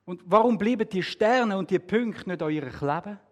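A man's voice: high-pitched, expressive, normal speed. A man voicing a small, unsure male wooden figure, timid and full of questions. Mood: earnest.

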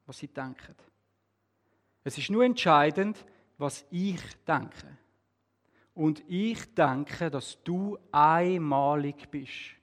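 A man voicing a kind old male woodcarver who speaks slowly and reassuringly. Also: on the high side, long reverb tail. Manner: slow, gentle, reassuring.

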